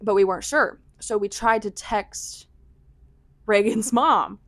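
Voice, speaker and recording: A woman's voice: medium pitch, slow pace, fairly bright tone, no echo. Young adult American woman, vlogger, chatty storyteller, mid-range voice, dry close recording. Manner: chatty, filler-heavy with frequent "like", laughing asides. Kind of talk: casual storytelling.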